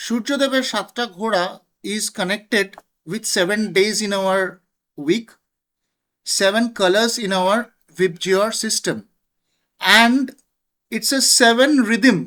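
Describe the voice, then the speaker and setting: Slow-spoken woman teaching astrology. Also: mid-range voice, fairly bright tone. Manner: slow and deliberate, switching between two languages. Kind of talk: explanatory lecture.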